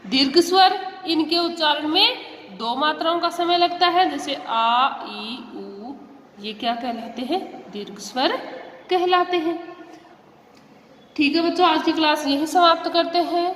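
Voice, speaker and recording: Lady teacher talking to kids, high voice, asks stuff then answers it, boomy echoey room. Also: moderate pace, a bit bright, slight background noise. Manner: patient, asks questions and answers them herself; addresses children directly. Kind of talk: classroom Hindi grammar lesson. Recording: echoey room with long reverb.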